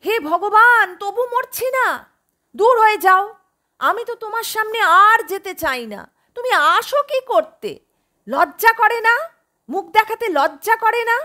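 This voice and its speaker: A woman narrator voicing a distraught, mentally ill older mother who lashes out with shrill, scornful outbursts in an audiobook story. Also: wildly swooping pitch, takes it slowly, a bit bright, heavily acted. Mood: anguished, scornful. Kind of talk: audiobook character voice.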